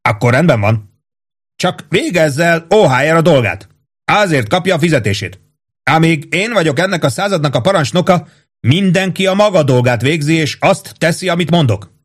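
Reading an audiobook, a man voices a pompous, fussy middle-aged army captain, lifting his own voice a bit higher into something animated, insistent, and self-satisfied. The overall mood is bossy.

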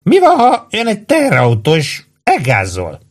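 A man reading aloud and voicing a drunk, blustering middle-aged army sergeant who talks loud and drawn out. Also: high voice, wildly swooping pitch, voice pushed up, exaggerated voice. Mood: ranting drunk.

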